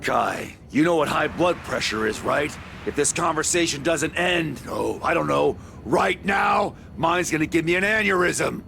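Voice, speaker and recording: Gravelly, irritable fighter. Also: male voice, fairly high pitch, lively intonation, normal speed, few pauses, sharp tone, exaggerated voice. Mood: exasperated. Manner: blunt, sardonic, impatient. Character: gruff, irritable, cynical male fighter, blunt and impatient. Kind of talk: video game voice acting. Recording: music behind the voice.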